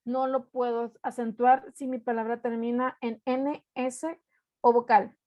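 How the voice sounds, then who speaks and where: A woman's voice: fairly high pitch, little pitch movement, a little slow, dark tone, no echo, muffled recording. A young woman from Mexico teaching an online class, patiently explaining rules step by step and repeating them.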